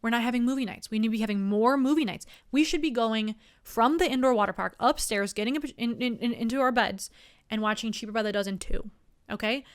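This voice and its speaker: Clear-voiced young woman rambling comically. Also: on the high side, fairly quick. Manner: rambling and self-mocking. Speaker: comedian host. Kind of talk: comic monologue.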